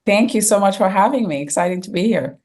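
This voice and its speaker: A middle-aged woman from Haiti, a company founder answering interview questions in a measured way, with frequent um and uh fillers. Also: medium pitch, lively intonation, darkish tone. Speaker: guest, fintech founder and CEO.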